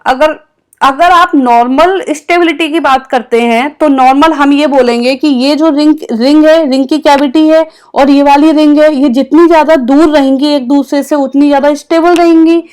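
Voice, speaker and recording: A woman's voice: high-pitched, fairly even intonation, moderate pace, a little mellow. A woman teaching a chemistry lecture over slides, explaining step by step and answering her own questions.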